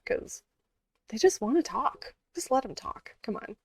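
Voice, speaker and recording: Gravelly-voiced woman telling a story. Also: fairly high pitch, lively intonation, measured pace, no room sound. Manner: earnest, with many fillers and restarts. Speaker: vlogger telling stories. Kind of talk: casual storytelling.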